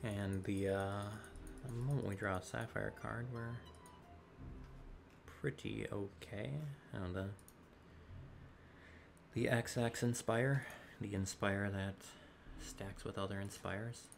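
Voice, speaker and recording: Male gameplay commentator, low and fry-heavy, dry sarcastic ramble, home desk mic with noticeable hiss. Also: steady tone, slow pace, long pauses. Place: home room.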